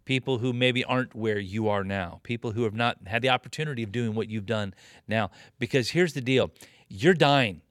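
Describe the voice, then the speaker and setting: A man's voice: medium pitch, normal speed, dry recording, clean studio sound. Earnest preacherly man in his fifties. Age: 50s. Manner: earnest preacherly, emphatic repetition, frequent "you know" and "man". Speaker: pastor and guest. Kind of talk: conversational interview on ministry leadership.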